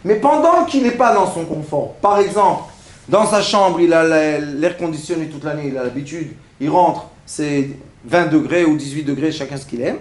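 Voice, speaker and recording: A man teaching a religious lesson to an audience, acting out little everyday scenes with animated, laughing delivery. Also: on the high side, normal speed, roomy sound. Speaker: rabbi teaching a class. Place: classroom.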